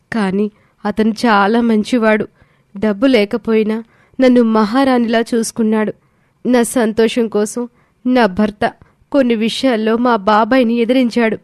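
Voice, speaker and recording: Casual one: woman doing a sad wronged young mom in a story, higher voice, pleading, dry. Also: darkish tone, no echo, close to an everyday voice. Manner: pleading, sorrowful. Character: wronged young mother, gentle and suffering. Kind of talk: storybook voice acting.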